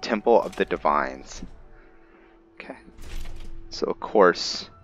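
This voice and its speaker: This gaming host speaks low and expressively at an unhurried pace, his tone fairly bright. He muses aloud over a game in relaxed roleplay commentary, now and then stepping into character, captured on a dull lo-fi mic with music behind him.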